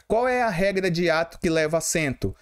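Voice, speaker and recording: A man's voice: a little high, expressive, a little fast, clear, resonant tone. A man with a Brazilian Portuguese accent teaching students, talking to them directly and answering his own questions while sounding out words syllable by syllable. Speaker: Portuguese teacher for exam prep. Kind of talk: explaining exam questions.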